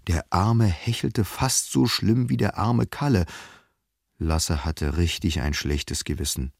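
A man reading a children's audiobook aloud, with lively, expressive storytelling. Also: low-pitched, slow, creaky, no echo, studio quality. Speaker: audiobook reader.

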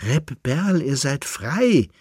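A man reading calm, consoling council elders. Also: a little high, slow, slightly rough, no room sound, studio quality, heavily acted. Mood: reassuring. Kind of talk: audiobook reading.

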